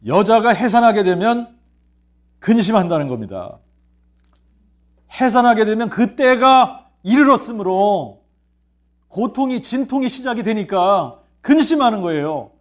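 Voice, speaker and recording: A man's voice: sits high, lively intonation, unhurried, long pauses. A man, a pastor, preaching a sermon. He asks rhetorical questions, answers them himself, and repeats key phrases. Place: church sanctuary.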